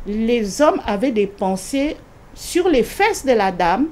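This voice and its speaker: A woman giving an earnest spoken religious testimony in an interview, repeating phrases often and pausing with hesitations. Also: sing-song, darkish tone. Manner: earnest, repetitive, with many hesitations; rises sharply in pitch when quoting her own pleas.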